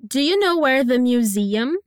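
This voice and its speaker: A woman with a high, bright-pitched voice runs a scripted English lesson. She is encouraging and stretches words out slowly for pronunciation drills. Close, dry studio sound. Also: expressive, smooth, dry recording. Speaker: English teacher and podcast host. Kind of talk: scripted language lesson narration.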